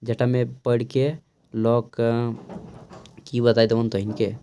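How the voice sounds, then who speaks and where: Man, Khortha-inflected Hindi accent, mellow tone, exam-prep teacher, patient repeated explanations. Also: medium pitch, flat delivery, slight background noise. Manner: explains slowly, repeats and checks with "ठीक है".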